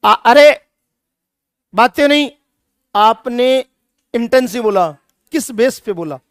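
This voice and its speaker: A man's voice: very high-pitched, lively intonation, a little slow, clear, resonant tone, no room sound, clean studio sound. A male chemistry teacher lecturing a classroom, scolding students and repeating his points with emphasis.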